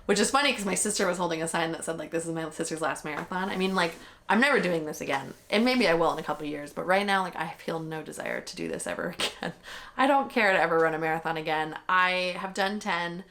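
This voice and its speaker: A young woman talks straight to camera as a vlogger, candid and chatty, with lots of "like" and some swearing. Her voice sits a little low for a woman. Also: lively intonation, fast talker, fairly bright tone, a little hiss or hum. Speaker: vlogger recapping a marathon. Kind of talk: casual chat.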